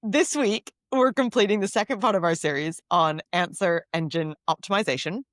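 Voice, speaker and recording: A woman co-hosting a podcast in casual chat, speaking with a cold, chatty and quick to laugh, often repeating her phrases. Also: mid-range voice, a bit bright, dry recording, studio quality. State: has a cold. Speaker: podcast co-host.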